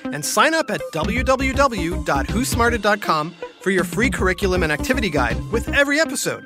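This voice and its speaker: A woman narrates a children's science podcast in a playful, theatrical way. Her mid-range voice is highly animated, with music clearly underneath. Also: a little fast. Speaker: host and narrator. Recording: music behind.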